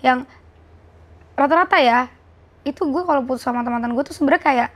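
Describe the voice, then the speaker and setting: Casting: woman, late 20s, high voice, reflective and candid host. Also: quick pace. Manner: reflective, emotional, informal slang. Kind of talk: casual candid conversation.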